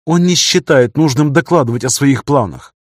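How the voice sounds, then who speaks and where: A man's voice: mid-range voice, expressive, moderate pace, no echo, studio quality, pitched above the performer's own voice, natural voice. A man voicing a captive young woman who is sulky and defiant, snapping and pleading by turns.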